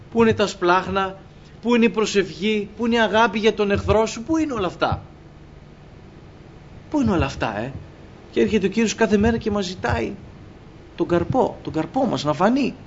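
A man's voice: sits high, a little hiss or hum. Impassioned male preacher, lo-fi recording. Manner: impassioned, acts out dialogues with God, addresses brothers. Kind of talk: sermon. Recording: dull lo-fi recording with faint ambience.

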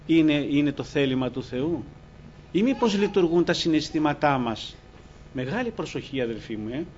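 A man's voice: fairly high pitch, expressive, dull audio, a little hiss or hum. A man preaching a fervent sermon to his congregation, often calling them brothers. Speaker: pastor.

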